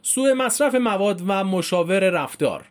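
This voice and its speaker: A man's voice: high-pitched, lively intonation. A man reading a formal informational script as a narrator, with casual spoken word endings.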